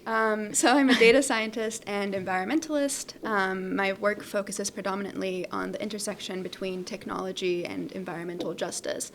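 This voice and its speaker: A woman's voice: mid-range voice, normal speed, hardly any pauses, a little hiss or hum. A young woman from Iran, a guest data scientist, chatting relaxedly about her background. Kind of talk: casual interview answers.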